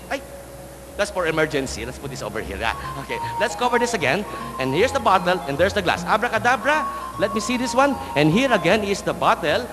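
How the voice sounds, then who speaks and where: A man with a Filipino accent doing playful, showy comedy magic patter like a kids' party magician on stage. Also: fairly high pitch. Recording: echoey hall sound, music behind.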